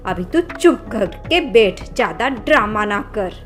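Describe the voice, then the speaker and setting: A woman voicing a scheming, boastful middle-aged village stepmother in a cartoon story, sharp-tongued and scolding. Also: medium pitch, animated, unhurried, soft background music. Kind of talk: Hindi cartoon story voice acting.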